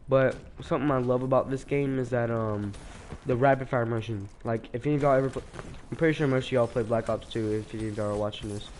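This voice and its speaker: Speaking fast in a darkish, mid-range male voice with fairly even intonation, a congested teenage streamer rambles hesitantly about the shooter he's playing, restarting often. He sounds sick, and there's a slight hiss or hum.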